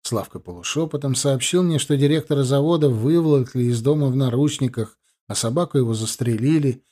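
Man, audiobook reader, mellow warm tone, measured steady narration. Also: medium pitch.

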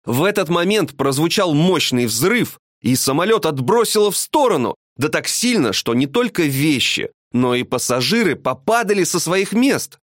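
A man narrating a storybook with an expressive, dramatic reading. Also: on the high side, normal speed, few pauses, no echo, clean studio sound.

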